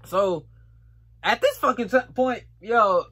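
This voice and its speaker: A man's voice: sits high, slow pace, bright, forceful tone, slightly rough. A young man telling a story about his day in a heated, profane rant, often checking in with his listeners. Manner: repeats tag questions like "you feel me". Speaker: vlogger.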